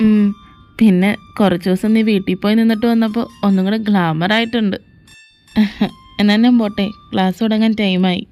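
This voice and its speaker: In a fan fiction audio drama, one woman handles every character, going from arguing to teasing to pleading. Her voice is medium in pitch and dark, with a steady tone and moderate pace, and faint music can be heard.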